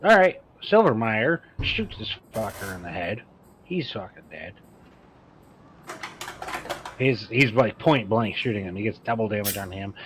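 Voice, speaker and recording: A man's voice: lowish voice, expressive, unhurried, long pauses, fairly bright tone, a little hiss or hum. A man running a tabletop game as game master, narrating combat casually over an online voice call and swearing freely. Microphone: online voice call mic.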